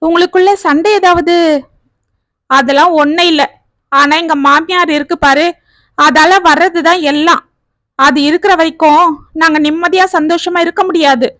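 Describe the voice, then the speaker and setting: Woman playing tearful young wife, high, dry close sound. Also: moderate pace, fairly bright tone, dry recording. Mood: distressed. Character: young woman fleeing her marriage, tearful.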